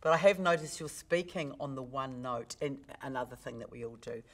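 A woman speaking coach, explaining technique in a podcast interview and acting out her examples. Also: a little fast. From New Zealand. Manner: expressive, demonstrates pitch with big vocal swings.

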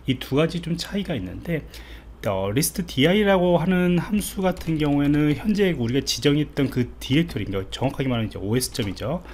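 This is a man with a fairly high, somewhat dark-toned voice and lively intonation, talking a little fast. As an IT instructor, he gives an informal, step-by-step screen-recorded coding tutorial, thinking aloud while typing, recorded indoors with clearly audible background noise.

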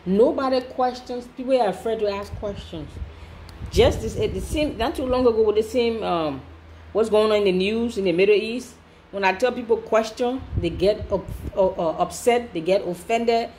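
Woman host reacting to a clip, emphatic and preachy, mid-pitched, faint background hum. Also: moderate pace, dark tone. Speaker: commentator, channel host. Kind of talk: reaction commentary.

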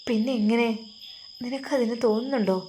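A woman's voice: a little high, fairly even intonation, brisk, mellow, slight background noise, voice pushed up, lightly acted. A woman voicing an eager young man who asks urgent, pleading questions.

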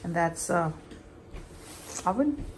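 A woman's voice: fairly low pitch, animated, takes it slowly. A middle-aged woman from India, chatting casually on her phone camera in a travel vlog, with lots of fillers and restarts. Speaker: vlogger. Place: outdoors, in a car and in a small cottage. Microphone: phone camera at arm's length. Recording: phone video with clear background noise.

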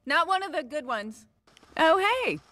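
An actress voicing a dry-witted woman in an animated comedy, speaking deadpan. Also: high voice, normal speed.

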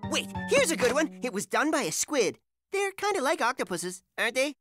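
An upbeat male cartoon animal sidekick who cheers his friend on. His voice sits high and lively. Loud music plays under him. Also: a little fast. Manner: peppy, encouraging. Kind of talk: cartoon voice acting.

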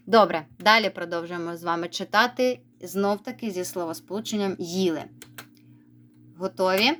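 A woman teacher giving a recorded reading lesson to young children, praising them and slowly drawing out words as she models reading. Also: mid-range voice, slight background noise. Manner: encouraging, sing-song, stretches words slowly when modelling reading. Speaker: primary school teacher.

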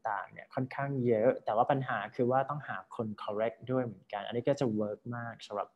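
A man's voice: medium pitch, brisk, muffled recording. A man with a Thai accent coaching a student in a speaking class. He gives friendly feedback with many fillers and polite particles.

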